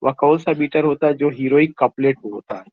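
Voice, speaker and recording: A man teaching an exam-prep lecture, explaining quiz answers by asking and answering his own questions and reading the English question text slowly. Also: on the high side, dry recording, phone-quality sound.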